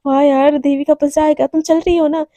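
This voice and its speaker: A woman voicing a bubbly, protective young woman friend in a spoken love story, talking in an excitable, chatty way. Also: sits high, fairly quick, dry recording, natural voice. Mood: eager.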